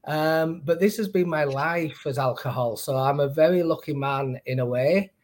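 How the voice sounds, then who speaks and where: With a voice on the high side, a darkish tone and normal speed, this Northern English brewer and distiller talks about his brewing career as a podcast guest. Middle-aged and casual, he comes across as chatty and self-deprecating, quick to laugh.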